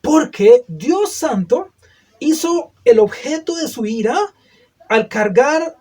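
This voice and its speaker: Slow earnest preacher. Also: male voice, extremely high pitch, lively intonation, darkish tone, breathy edge. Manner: earnest, rhetorical questions to listeners. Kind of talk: sermon.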